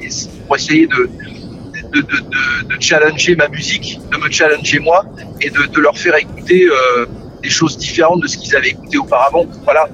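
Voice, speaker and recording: A man's voice: on the high side, fairly even intonation, moderate pace, background noise. A middle-aged man, a musician, talks about his career and family in an interview, often stumbling and repeating words. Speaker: musician guest. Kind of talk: relaxed interview talk. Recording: music playing behind the voice.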